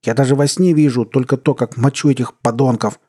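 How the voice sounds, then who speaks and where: A man voicing a hot-headed young giant of a son who shouts in fury, in a read-aloud story. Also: medium pitch, a little fast, breathy edge, voice pushed up, lightly acted. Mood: angry. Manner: shouting, raising his voice.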